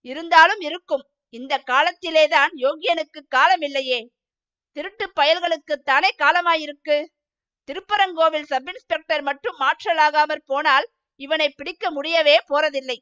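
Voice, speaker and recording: A woman's voice: high voice, normal speed, sharp tone, lo-fi sound. Woman voicing a pleading, boastful old temple clerk. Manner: pleading, sobbing. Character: terrified older male temple clerk, boastful.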